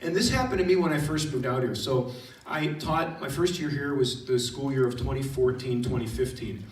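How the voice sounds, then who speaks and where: A man speaks at a student retreat as their theology teacher, telling stories with animation and turning to the students in the room. His voice sits at an ordinary pitch. The room rings around him, and he sounds a little distant from the mic. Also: moderate pace, roomy sound. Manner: storytelling, animated, addresses audience directly. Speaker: high school theology teacher.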